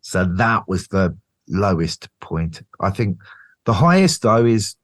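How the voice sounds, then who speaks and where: A middle-aged British band singer, interviewed casually as a guest, swaps road stories in a low-pitched voice, taking his time. He's animated, swears without restraint, and acts out quotes, all in a British English accent.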